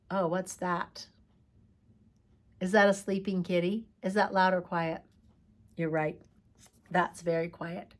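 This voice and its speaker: A woman teaching preschoolers, talking slowly in a coaxing, sing-song way as she asks questions and praises answers. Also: medium pitch, pushed and bright. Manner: slow, sing-song, coaxing talk to small children. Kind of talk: children's lesson.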